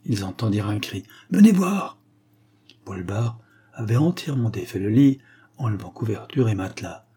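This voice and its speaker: A man narrating a detective story aloud in steady, measured storytelling. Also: fairly low pitch, slightly rough. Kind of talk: audiobook reading of a detective story.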